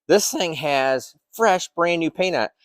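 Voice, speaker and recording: In his workshop, an engine builder and shop owner in his fifties gives a casual walkaround of a project car, rambling enthusiastically with plenty of fillers and restarts. His fairly high voice is animated and a little slow, with no room sound.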